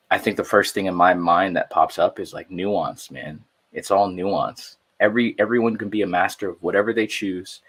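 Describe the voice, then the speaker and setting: A man's voice: low-pitched, husky. A man from the Philippines raised in San Jose, California, speaking as a guest in a casual podcast conversation, easygoing and full of "you know what I'm saying.". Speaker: podcast guest, artist and musician.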